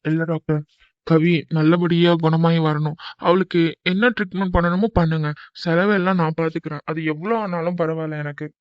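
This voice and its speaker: A man's voice: a little high, steady tone, a little fast, clear, resonant tone, no echo, lightly acted. A man voicing a desperate young husband. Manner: desperate, pleading. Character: worried young husband at a hospital. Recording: dull dry recording with faint music.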